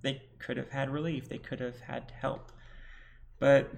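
A man in his forties talks in a relaxed, conversational way, slipping sarcastic asides into a long personal story. His voice has a gravelly, fry-edged texture at an ordinary middle pitch. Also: measured pace, a little hiss or hum. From United States. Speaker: podcast co-host. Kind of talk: casual chat, storytelling.

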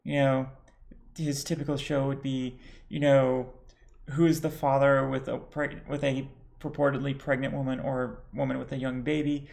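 A man in his forties talks in a relaxed, conversational way, slipping sarcastic asides into a long personal story. His voice has a gravelly, fry-edged texture at an ordinary middle pitch. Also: normal speed. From United States. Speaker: podcast co-host. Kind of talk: casual chat, storytelling.

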